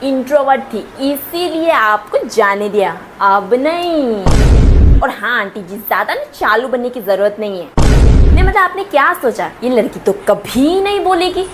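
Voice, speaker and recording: A woman's voice: fairly high pitch, very animated, normal speed. Sassy scolding young woman. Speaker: comedy sketch creator. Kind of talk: comic sketch, scolding monologue. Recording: clear background noise.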